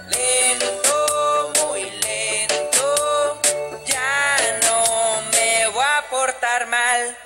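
A woman's voice: high voice, gravelly, heavily acted. Woman singing as a pleading scolded child. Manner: pleading, sing-song. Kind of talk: sung children's song. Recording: song track with loud music. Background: loud music.

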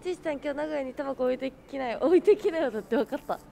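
High-voiced bubbly woman streaming outdoors. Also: expressive, rapid-fire, vocal fry, dark tone, a little hiss or hum. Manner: bubbly, greets chat, laughs often. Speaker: livestreamer. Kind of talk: casual live-stream chat. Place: outdoors, waiting with friends.

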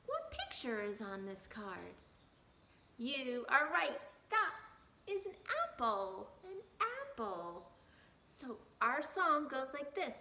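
A woman's voice: high-pitched, huge pitch swings, takes it slowly, gravelly, sharp tone. A woman in her thirties teaching preschoolers on video, with a broad, singsong children's-presenter delivery full of simple questions. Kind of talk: children's lesson addressed to young kids. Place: small bare-walled room indoors. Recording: echoey room, faint background noise.

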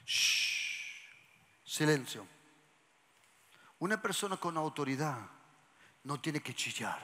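A pastor preaching to his congregation, moving hushed whispers to shouts and asking the crowd questions. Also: on the high side, expressive, normal speed, a little hiss or hum. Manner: asks the congregation questions and has them repeat lines. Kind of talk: lively sermon to a congregation. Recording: church hall with long reverb.

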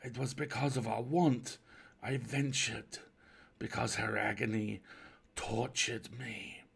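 A man voicing a mysterious, starving old castaway in a story, with a breathy, husky whisper and halting, grave, archaic speech. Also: mid-range voice, fairly bright tone, voice pushed up, full character voice. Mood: pained, pleading.

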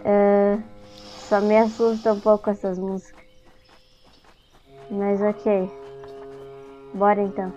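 A young woman with a Brazilian Portuguese accent giving casual, chatty let's-play commentary, easily startled and talking to the game. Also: medium pitch. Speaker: gaming YouTuber. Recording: dull lo-fi sound with game music behind.

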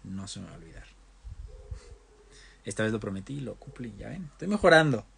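A man's voice: fairly low pitch, big pitch swings, brisk, gravelly, a bit bright, husky. A young man, chatting casually on a phone livestream, reading out viewer comments and switching between Spanish and English. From Mexico. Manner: reads viewer comments aloud and answers them in turns. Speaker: livestream host.

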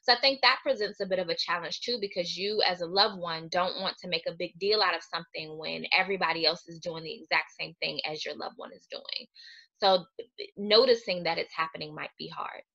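Bright-toned woman giving a lo-fi webinar talk. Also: lowish voice, a little fast, vocal fry. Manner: earnest, explanatory, steady lecturing. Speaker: clinical social worker presenter.

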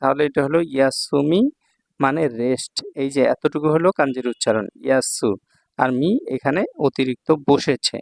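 A man from Bangladesh teaches Japanese kanji in a recorded online lesson, his mid-range, creaky voice moving at a moderate pace over a dry recording. He patiently explains each word, repeats terms, and checks in often with "thik ache."

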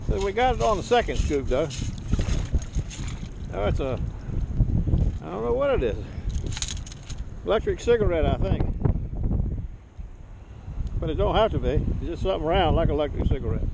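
A man's voice: fairly high pitch, lively intonation, moderate pace, creaky, pauses often. An older man giving folksy, casual running commentary to viewers while metal detecting in a windy bay, on a head-mounted camera. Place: outdoors wading in a windy bay. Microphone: head-mounted action camera. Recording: lo-fi action camera with loud wind. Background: wind and water noise.

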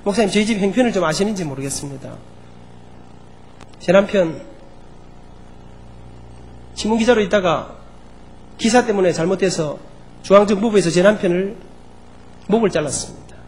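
A man's voice: sits high, lively intonation, moderate pace, long pauses, a little mellow. A man voicing a struggling middle-aged deaconess who pleads with her pastor. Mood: pleading.

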